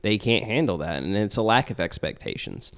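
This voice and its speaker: A man's voice: on the low side, very animated, brisk, creaky, fairly bright tone. A young man talking casually on a podcast about tabletop games, earnest and rambling with restarts and fillers. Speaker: podcast guest, tabletop player and game master.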